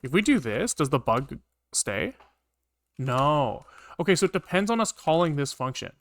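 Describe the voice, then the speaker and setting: Typing and clicking fill the background as a man with a slightly high, sing-song voice talks at a moderate pace with no room sound. He's casually narrating his live coding session, thinking aloud, muttering, going over phrases again and dropping the odd swear word.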